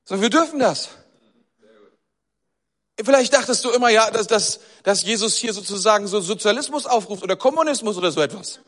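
Casting note: man, slightly high voice, conversational preacher, rhetorical questions to the audience, long hall reverb. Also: fairly quick. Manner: conversational, asks the audience questions, animated emphasis. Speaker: pastor. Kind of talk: sermon.

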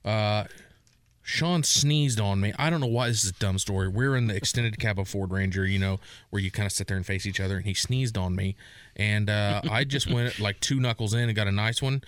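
Lowish guy rambling crude jokes on a podcast, dry mic. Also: brisk, no echo. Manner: crude joking, trailing off in fragments. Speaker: podcast co-host. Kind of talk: casual chat.

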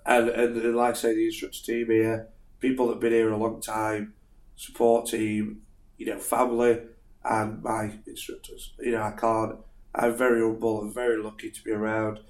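A man's voice: on the low side, monotone, moderate pace, darkish tone, echoey room. A man with a northern English accent, a martial arts instructor, talking humbly and rambling with many fillers. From northern England. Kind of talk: casual interview.

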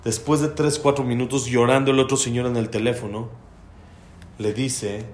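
A man's voice: fairly even intonation, normal speed, a little mellow. Man telling a sermon story. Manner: emphatic, heartfelt storytelling with swings in pitch. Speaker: religious teacher. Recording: roomy hall with faint background ambience.

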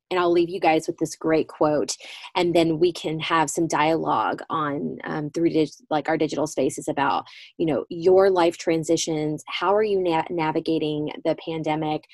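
A woman with a low voice hosts a casual solo podcast. She talks in a reflective, halting way, pausing as she thinks. The sound is close and dry, recorded inside a small closet. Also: darkish tone, no echo. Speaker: podcast host.

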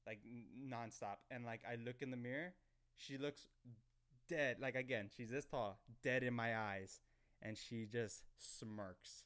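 A man's voice: mid-range voice, a bit bright, clean tone. A young man hosting his own podcast, telling an embarrassing story in a rambling, self-conscious way at a desk microphone. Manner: rambling, self-conscious, heavy filler words and restarts. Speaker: podcast host. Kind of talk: casual storytelling monologue.

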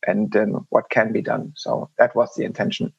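A man speaks as a guest on a podcast, his voice slightly husky. The audio comes through dull and lo-fi, like a remote call. He talks in a conversational way, often repeating words and restarting phrases. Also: fairly low pitch, level tone, normal speed. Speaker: podcast guest, software industry director. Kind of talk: conversational interview answers.

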